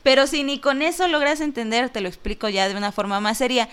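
The online talk show host, a woman with a Mexican accent, has a clean, fairly bright voice on the high side and talks fast. She chats jokingly while reading out listener comments, full of laughter and filler words.

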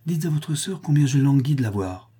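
A man reading an audiobook and voicing a haughty young society lady who gushes and flatters. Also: medium pitch, a little fast, husky, voice pushed up. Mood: fawning. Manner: gushing, flattering.

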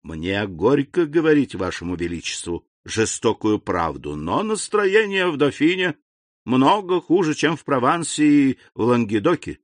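A man voicing a polite, ambitious young prosecutor who speaks to the king in a careful, measured way. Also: mid-range voice, very animated, no room sound. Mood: deferential.

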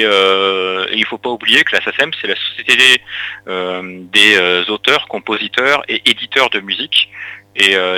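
A man's voice: lowish voice, pushed and bright, no echo, rough recording. A man interviewed on radio as an association president, explaining at length with many hesitations and restarts.

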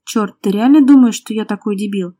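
A jealous, hot-tempered young man barks short menacing lines, as a woman reader puts him on. The voice is warm and mellow, clipped and hard. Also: medium pitch, brisk, close to an everyday voice. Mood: furious. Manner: curt, snapping, menacing.

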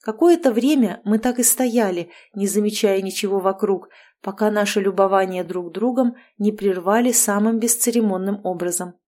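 A woman narrating a fantasy romance novel in the first person, with a wry, expressive storytelling manner. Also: medium pitch, moderate pace, few pauses. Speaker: audiobook narrator.

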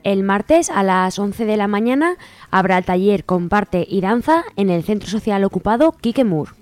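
A woman with an accent from Spain hosts a radio show, informally reading event announcements over background music. Her voice is medium-pitched and animated at a moderate pace.

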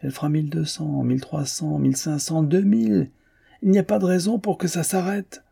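A man reading aloud and voicing an excitable, greedy speculator who gloats in eager exclamations. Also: fairly high pitch, normal speed, breathy edge, pitched above the performer's own voice. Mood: gloating.

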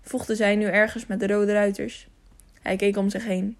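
A woman's voice: medium pitch, level tone, normal speed. A woman narrating an adventure novel as an audiobook, reading steadily and now and then correcting herself.

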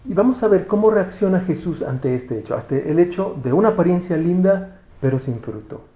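A man preaches in a relaxed, conversational way, often stumbling over and restarting words. His voice sits a little high and sounds mellow. It rings with room echo. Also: normal speed. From Mexico. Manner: conversational, restarts words, asks rhetorical questions. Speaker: pastor. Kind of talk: sermon.

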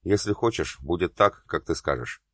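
A man's voice: sits low, lively intonation, normal speed, no echo, studio quality. A man voicing a tormented male surgeon torn by passion, speaking in a desperate, confessional way in an audiobook. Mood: apologetic.

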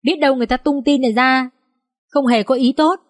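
A woman voicing a young student daughter who calmly pleads with her parents. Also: high-pitched, fairly quick, pitched above the performer's own voice, natural voice. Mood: pleading reasoning. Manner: gentle, reasoning.

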